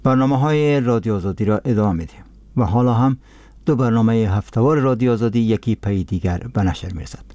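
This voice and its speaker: A man's voice: on the low side, warm tone, dry recording, clean studio sound. A man with an Afghan accent presenting on radio in a solemn, formal announcing style. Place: dry radio studio.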